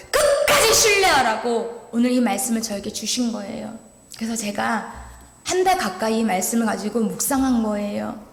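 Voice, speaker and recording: Brief: high-pitched woman preacher, earnest and pleading, long church reverb. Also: slight background noise. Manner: emotional, pleading, earnest, with rising and falling intensity. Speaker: evangelist preaching. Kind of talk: sermon. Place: church sanctuary.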